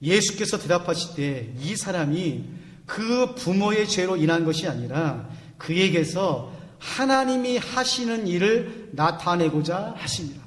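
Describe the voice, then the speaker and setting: A male pastor preaching with fervent, rising emphasis and a notably high voice. His sermon rings through a reverberant church hall with a long echo tail. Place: church sanctuary.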